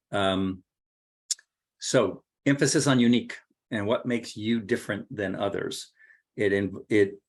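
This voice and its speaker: A man teaching an online course workshop as a marketing coach, talking casually with many fillers and restarts. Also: on the low side. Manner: relaxed, conversational, frequent fillers and restarts.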